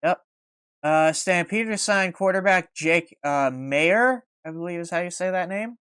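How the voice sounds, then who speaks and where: A man's voice: high voice, a little slow, fairly bright tone, clear, resonant tone, dry recording. A man hosting a casual sports podcast, reading through news items and then riffing on them. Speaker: podcast host.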